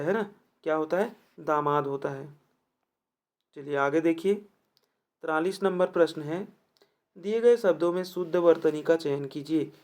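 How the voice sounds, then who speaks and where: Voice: mid-range voice, a little mellow. Teacher firing off rhetorical check-in questions. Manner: keeps asking rhetorical check questions and repeating answers. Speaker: exam-prep teacher. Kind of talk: explaining test questions to students.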